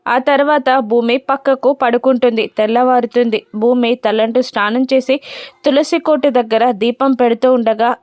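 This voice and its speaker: A woman narrates a TV serial recap in a steady, descriptive way. Her voice is fairly high, and the recording is dry and close. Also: normal speed, no room sound.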